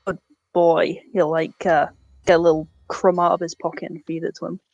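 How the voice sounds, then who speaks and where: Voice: medium pitch, flat delivery, moderate pace, vocal fry, dry recording, lo-fi sound. A tabletop game player who declares their moves in a joking, scheming way. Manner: joking, plotting. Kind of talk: tabletop role-play chat.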